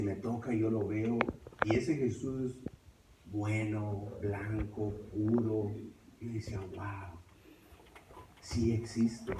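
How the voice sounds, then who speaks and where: A man telling his testimony as a preacher, swinging between loud and hushed as he tells it. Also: fairly low pitch, noisy background. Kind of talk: testimony sermon. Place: church. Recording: echoey church from far off.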